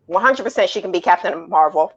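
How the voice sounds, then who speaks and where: This woman's voice is lowish, husky, and expressive, and she talks quickly. During a relaxed movie-debate panel she pushes her choices with insistent emphasis, all captured in dull lo-fi audio.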